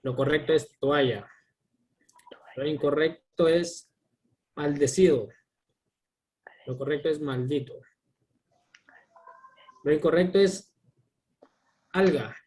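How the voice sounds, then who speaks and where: A man reads aloud for his class, taking it slow and deliberate. He calls out each example in turn with an even, careful delivery. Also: a little high. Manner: slow, deliberate reading of word pairs. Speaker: student reading examples aloud.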